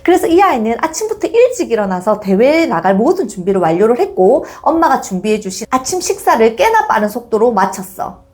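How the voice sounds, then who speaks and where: Lively middle-aged woman lecturing on parenting. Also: a little high, fairly quick, hardly any pauses. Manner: expressive storytelling, acts out examples.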